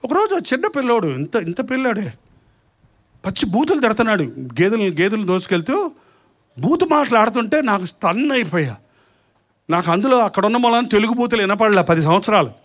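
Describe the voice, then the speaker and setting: Male pastor, live sermon, very high pitch, rhetorical and mocking. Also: sing-song, fairly bright tone. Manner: rhetorical questions to the congregation, with mocking asides; slow, emphatic listing of sins.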